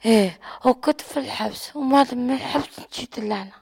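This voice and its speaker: A woman's voice: a little high, quick pace, creaky, darkish tone, slight background noise. A woman with an Algerian accent answering an interviewer in short, hesitant replies. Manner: hesitant, short replies, often asks to repeat. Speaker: interviewee, hospital patient.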